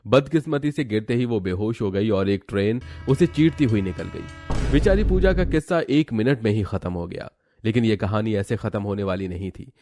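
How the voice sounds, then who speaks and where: A man narrating a cartoon story in a steady, dramatic storytelling manner. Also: fairly low pitch, moderate pace, faint music behind.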